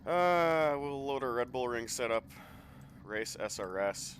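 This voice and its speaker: A man's voice: medium pitch, animated, a little slow, slight background noise. A young man casually talking through a sim racing live stream, chatty and swearing freely with an offhand joking manner.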